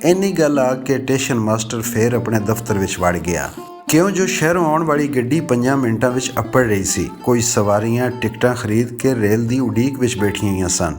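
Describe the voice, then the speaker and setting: A man narrating a rural novel in a measured, steady storytelling voice. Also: medium pitch, faint music behind.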